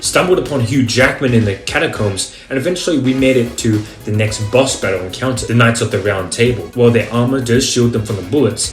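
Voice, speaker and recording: A man's voice: medium pitch, reverberant. A man narrating gameplay from a comedic script in a wry, mock-dramatic, slangy way. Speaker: gaming video host. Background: music.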